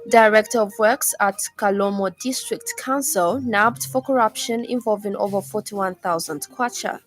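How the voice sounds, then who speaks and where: A woman with a Zambian accent reads a scripted radio news bulletin formally and in a measured way. Her voice is mid-range, and soft music plays in the background.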